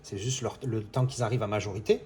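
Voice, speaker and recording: A man's voice: fairly low pitch, steady tone, fast talker, dark tone, slight background noise. A man talking casually in a vlog monologue, rambling with many restarts and exasperated asides. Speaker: video creator.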